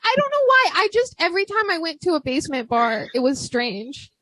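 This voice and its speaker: Over drinks, a young woman from the United States hosts a podcast in a very high, sing-song voice that sounds brisk and sharp. She laughs often, says "like" a lot, and projects a big voice, but the audio quality is poor.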